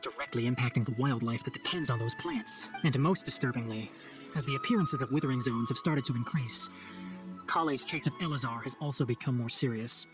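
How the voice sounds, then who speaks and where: An actor voices an earnest, scholarly young male forest ranger in a video game cutscene, explaining things formally and with composure. His medium-pitched voice runs a little fast and sounds close to an everyday voice, with music in the background. The mood is earnest and grave.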